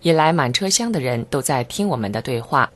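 Steady, earnest mid-pitched narrator. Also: fairly quick. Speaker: reader of a first-person testimony. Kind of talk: scripted narration.

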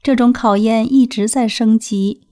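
A woman reading a first-person account aloud as scripted narration, calm and even. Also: fairly high pitch, a little slow. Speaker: reader.

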